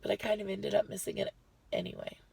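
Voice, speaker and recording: A woman's voice: mid-range voice, monotone, fast talker, gravelly, a little mellow, husky. A woman vlogger giving a chatty, rambling health update to her viewers, short of breath and often correcting herself. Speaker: lifestyle vlogger.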